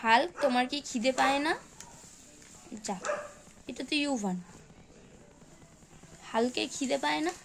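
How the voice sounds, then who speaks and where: A high-pitched woman in her thirties talks casually on a handheld phone camera at home. She chats, teases and scolds her young child indoors, and a faint hiss sits under her voice. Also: measured pace, gravelly, long pauses. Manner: chatty, teasing and scolding a child. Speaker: mother vlogger. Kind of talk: casual home vlog chat.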